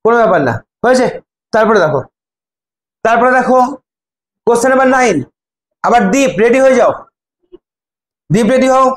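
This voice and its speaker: A man's voice: very high-pitched, lively intonation, fairly quick, pauses often. A young man teaching an English grammar class, calling on students by name and drilling them with repeated prompts. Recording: echoey classroom, faint ambience.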